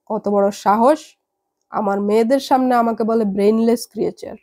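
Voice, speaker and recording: A woman's voice: on the high side, fairly even intonation, normal speed, mellow, lightly acted. A woman voicing an angry, proud middle-aged mother who scolds her daughter over the phone in a heavy voice. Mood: scolding, furious.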